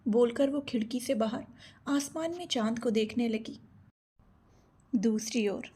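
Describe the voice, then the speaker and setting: A woman narrating a romance audio story episode in a steady, dramatic storytelling manner. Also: fairly high pitch, a little slow, breathy edge.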